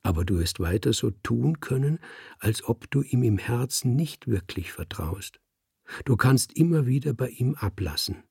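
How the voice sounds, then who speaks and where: A man voicing a scheming male house cat who advises his master in a coaxing, insinuating way, with a husky, gravelly voice. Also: medium pitch, lively intonation, unhurried, mellow, dry recording, studio quality, full character voice.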